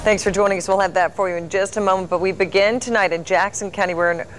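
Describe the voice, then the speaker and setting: A woman's voice: medium pitch, steady tone, fast talker, faint music behind, poor audio. A woman reading scripted television news as an anchor.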